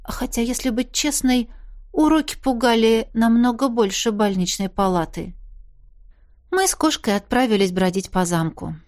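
A woman narrating a first-person audiobook in a wry, expressive reading. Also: fairly high pitch, moderate pace.

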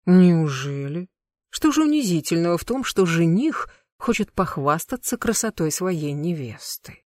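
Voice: medium pitch, very animated, a little slow, darkish tone, dry recording, studio quality. A reader voicing a suave, cruel aristocratic lord in an audiobook, speaking with mocking courtesy and cold menace. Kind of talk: audiobook narration.

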